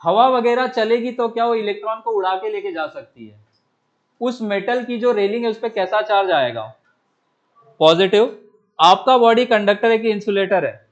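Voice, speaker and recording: A physics teacher, a man with a high voice, lectures a classroom, putting questions to his students and answering them himself. He keeps checking whether they follow. The recording is dull and lo-fi. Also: moderate pace. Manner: coaxing, repeatedly checks understanding.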